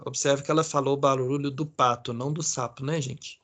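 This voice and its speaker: A man's voice: medium pitch, steady tone, brisk, fairly bright tone. A male psychology lecturer with a Brazilian accent, reading a case aloud to an online class in a casual way, full of fillers and check-ins. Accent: Brazilian Portuguese.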